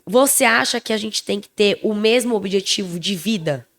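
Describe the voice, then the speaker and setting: A woman's voice: medium pitch, moderate pace. Emphatic young Brazilian woman podcaster. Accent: Brazilian Portuguese. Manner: expressive, emphatic, self-described loud voice. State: a bit under the weather. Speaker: podcast co-host. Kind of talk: casual chat.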